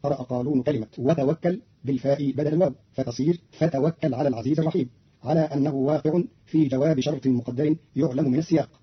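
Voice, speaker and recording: Husky, fast-talking formal radio announcer man. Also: mid-range voice, fairly even intonation. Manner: measured, formal announcer delivery. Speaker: radio presenter explaining recitation variants. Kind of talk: scripted explanatory narration. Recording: dull lo-fi archival radio recording.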